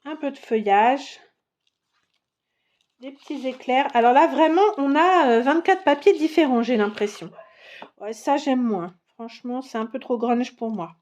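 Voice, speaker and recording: Woman craft vlogger, slightly high voice, unhurried casual show-and-tell. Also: a little mellow. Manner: chatty, many fillers and pauses while browsing papers. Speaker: craft vlogger showing a haul.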